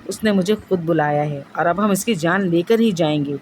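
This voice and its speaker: A woman's voice: lowish voice, a little mellow, a little hiss or hum, lightly acted. A woman voicing a threatening female jinn who possesses a young woman, in a storytelling narration. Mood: menacing. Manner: threatening, demanding.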